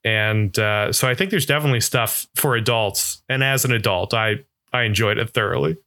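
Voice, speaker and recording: A man with a bright, forward tone talks casually as a podcast co-host. He is enthusiastic and rambles a little, restarting his thoughts as he goes. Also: fairly low pitch, fairly quick. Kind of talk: casual chat.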